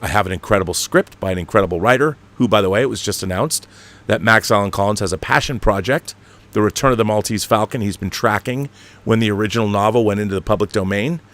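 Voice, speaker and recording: This online show host has a fairly low, fairly bright voice and talks fast. Running a casual livestream, he rambles through monologue and reads chat, full of emphatic, opinionated fan enthusiasm and now and then a casual swear.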